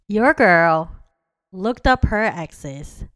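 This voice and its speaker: A woman's voice: mid-range voice, animated, extremely slow, a bit bright. A woman in her twenties hosting her own podcast, chatting candidly and profanely, full of slang, laughing at herself and calling her listeners guys. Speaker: podcast host. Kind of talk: casual confessional podcast chat.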